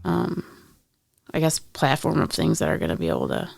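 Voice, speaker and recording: A woman's voice: rumbling low, wildly swooping pitch, moderate pace, gravelly, darkish tone, no echo, studio quality. A woman co-hosting a podcast, chatting casually in an agreeable, supportive way. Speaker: podcast co-host. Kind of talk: casual chat.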